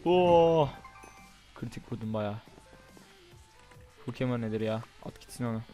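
A young man doing casual, excitable gameplay commentary, chatting straight to his viewers. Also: mid-range voice, measured pace. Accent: Turkish. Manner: chatty, excitable, talks to viewers as "guys" and "bro". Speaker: gaming YouTuber. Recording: faint game music behind.

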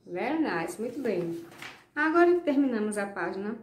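A woman teaching English to children, a Portuguese speaker who explains slowly and patiently, repeating words and checking with "ok?". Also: mid-range voice, sing-song, echoey room, slight background noise. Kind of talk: recorded classroom lesson.

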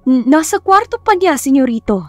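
A woman voicing an excited, stammering older female housekeeper in an audio story. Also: high voice, normal speed, no room sound, soft background music, pitched above the performer's own voice.

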